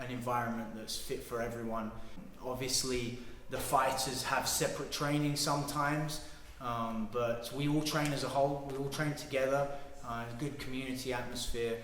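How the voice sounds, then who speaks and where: A man's voice: medium pitch, a bit bright, a little hiss or hum. A man who owns a Muay Thai gym and fights pro, talking earnestly and proudly about his team, often trailing off at phrase ends. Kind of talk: interview answers. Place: martial arts gym. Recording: echoey hall.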